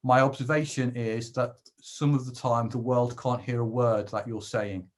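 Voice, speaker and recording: A man's voice: mid-range voice, steady tone, normal speed. Chatty man giving a webinar. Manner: chatty and jokey, with dry asides. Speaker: webinar presenter. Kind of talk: informal webinar talk on video gear.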